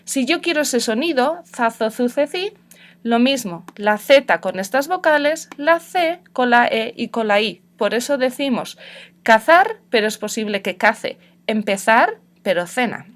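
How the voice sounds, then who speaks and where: A woman's voice: fairly high pitch, lively intonation, normal speed, few pauses. A young woman from northern Spain with a northern Spanish accent, teaching a class on Spanish spelling with patient explanations and many examples.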